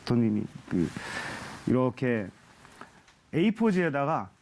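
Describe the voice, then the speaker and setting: A man's voice: mid-range voice, very animated, slow, darkish tone, a little hiss or hum. A middle-aged man, a guest on a talk show, giving an earnest personal testimony and acting out remembered conversations.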